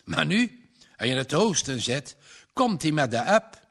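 A weatherwise village man, gruff and certain, speaks in slow, deliberate phrases, played by a male reader. His voice sits a touch high and climbs when he warns of heavy weather. It belongs to a read-aloud storybook. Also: very animated, a bit bright, exaggerated voice. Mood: foreboding.

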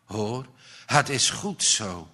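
Storybook: man as a calm, pious orphan boy, soft and reassuring, slow, bright. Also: fairly low pitch, vocal fry, heavily acted. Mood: gentle forgiving.

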